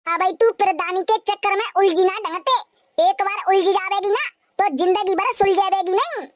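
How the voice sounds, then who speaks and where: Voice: very high-pitched, moderate pace, no room sound, clean studio sound. A grumbling, stingy village husband. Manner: scolding, grumbling.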